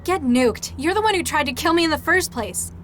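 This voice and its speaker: A hot-tempered young woman on the run in a sci-fi game, scared and defiant. Her combative shouts are very high and swoop widely, over faint noise. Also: expressive, a little fast. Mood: furious, frightened. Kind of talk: video game voice acting.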